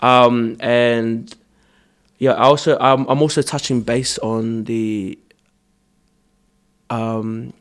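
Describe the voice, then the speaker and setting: A man's voice: medium pitch, fairly even intonation, slow pace, pauses often. A young man, a choreographer answering interview questions earnestly, with many ums and restarts. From born in Samoa, raised in New Zealand. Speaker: dancer and choreographer guest.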